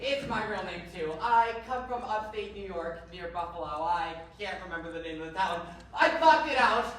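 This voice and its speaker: A man's voice: high voice, lively intonation, normal speed, fairly bright tone. A man playing a wisecracking young dancer. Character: joking, self-mocking young man dancer. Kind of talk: live stage musical acting. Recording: distant echoey stage recording with hall noise.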